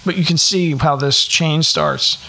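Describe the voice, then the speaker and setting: A man's voice: fairly high pitch, measured pace, vocal fry, pushed and bright. A man co-hosting a casual podcast, talking in a rambling, thoughtful way with a playful side. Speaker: podcast co-host.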